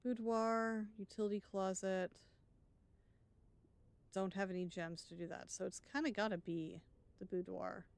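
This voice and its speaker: A woman's voice: medium pitch, steady tone, measured pace, gravelly, pauses often, clean tone. A woman streaming a live game, talking through her choices in a chatty, wry way. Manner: thinks aloud, chatty and wry. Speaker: let's play streamer. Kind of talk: live gameplay commentary.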